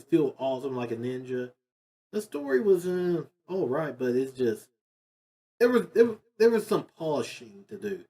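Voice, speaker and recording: Ranking video game movies, this host talks off the cuff in a mellow, medium-pitched voice. His commentary is rambling and emphatic, with frequent repeated phrases.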